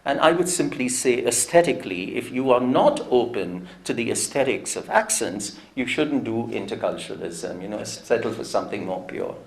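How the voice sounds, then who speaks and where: A man's voice: medium pitch, lively intonation, normal speed, gravelly, few pauses. A man giving a public lecture, telling a story in a reflective, anecdotal way and quoting others in his own voice.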